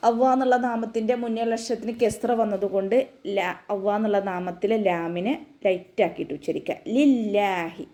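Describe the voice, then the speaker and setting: A woman's voice: medium pitch, steady tone, fairly quick, dark tone. A woman teaching an online recitation class, explaining pronunciation rules step by step in a patient voice.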